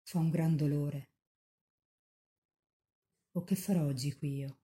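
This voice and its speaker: A nun reading as a young mystic in rapture. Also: female voice, low-pitched, fairly even intonation, takes it slowly, dark tone. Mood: fervent pleading. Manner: fervent, tender pleading prayer. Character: young woman mystic in rapture, pleading with Mary.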